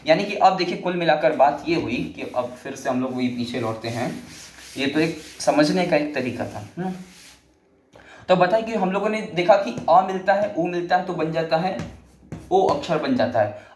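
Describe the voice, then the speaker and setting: A man gives a lesson in a slightly high voice, patiently going over each idea again and again. His voice rings in an echoey room. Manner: repetitive, patient explaining with many restatements. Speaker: Sanskrit teacher. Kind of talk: explanatory classroom lesson.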